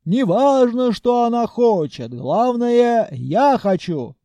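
A man reading an audiobook, voicing a pompous, boastful male suitor who blusters loudly. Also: extremely high pitch, sing-song, slow pace, dry recording, voice pushed up, heavily acted.

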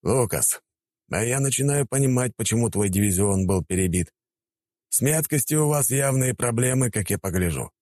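A man reads an audiobook in a dry, mocking mood, voicing a stern male army commander who barks orders. His mid-range voice is expressive, darkish, at normal speed, pitched slightly above his own and close to an everyday voice, in a dry recording.

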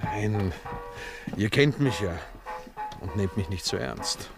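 An actor playing a gruff, blunt grown man in a radio play, speaking plainly and bluntly. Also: on the low side, takes it slowly, loud music behind the voice, full character voice. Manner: blunt, lively intonation.

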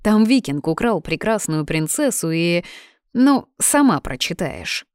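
A woman voicing a cocky, teasing young male student in an audiobook, with a lowish voice and dry sound. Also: big pitch swings, a little slow, darkish tone, no echo. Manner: teasing, bossy.

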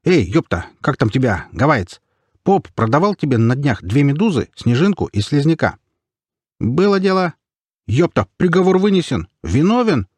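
A man's voice: a little high, big pitch swings, moderate pace, slightly rough, no room sound, voice pushed up. A man voicing a shifty, swearing male looter who whines and squeals when cornered, in an audiobook. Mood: accusing. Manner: whiny, squealing, cornered and aggressive. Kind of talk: audiobook character voice.

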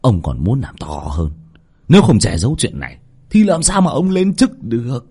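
A man voicing a cruel, scheming old village chief who speaks in a low, menacing, hushed way. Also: big pitch swings, moderate pace, breathy edge. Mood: angry.

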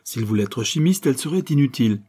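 Brief: man doing a blunt, mocking young gent, husky and warm. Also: mid-range voice, lively intonation, fast talker, voice pushed up. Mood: sardonic.

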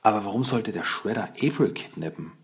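A man voicing a jumpy, outspoken young male turtle in an audiobook, talking in a raised, lively way. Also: on the low side, fairly quick, vocal fry, voice pushed up. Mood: puzzled.

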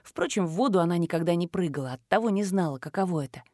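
A woman narrating an audiobook in a measured, expressive storytelling manner. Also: lowish voice, no room sound, clean studio sound.

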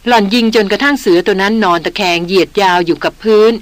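A woman reading an adventure novel aloud as an audiobook narrator, telling the story in a measured, vivid way. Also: mid-range voice, dry recording.

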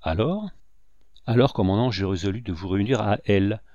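A man's voice: lowish voice, fairly quick, mellow, dry recording, highs cut off, lightly acted. A man voicing a devoted, remorseful male captain, speaking humbly and pleadingly. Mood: pleading, contrite.

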